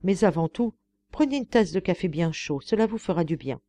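A woman reader voicing a grand, generous stage tragedienne who talks briskly and commandingly in an audiobook. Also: lowish voice, animated, warm tone, natural voice.

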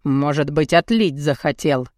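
In an audiobook, a woman narrator voices a gruff, burly, bearded man who speaks low, brazen and lecherous, blunt, mocking, and commanding, with a gruff, accusing mood. The pace is measured and the tone darkish, in a dry, close recording.

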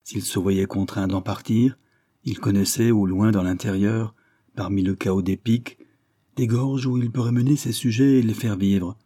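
A man reading a novel aloud as an audiobook narrator, with steady, measured narration. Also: fairly low pitch. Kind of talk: scripted narration.

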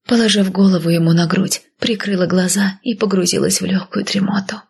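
Woman reading a fantasy audiobook in first person, soft and hushed, kinda raspy with some fry. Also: medium pitch, steady tone, a little fast. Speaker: audiobook narrator.

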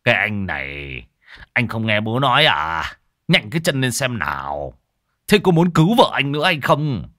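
A man voicing an older village father who shouts and scolds. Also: medium pitch, big pitch swings, moderate pace, no echo, studio quality, voice pushed up. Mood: scolding.

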